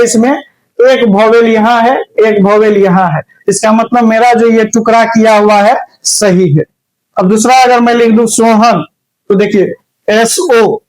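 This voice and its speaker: A man's voice: high-pitched, poor audio. A young adult man with a Bihari accent teaching grammar, explaining step by step and often checking whether the class is following. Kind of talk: recorded grammar lesson.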